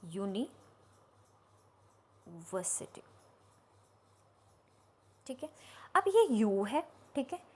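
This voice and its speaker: A woman teacher, explaining grammar slowly and often checking that her students understand. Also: high voice, sing-song. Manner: explains slowly, asks the class if they understood. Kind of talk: grammar lesson.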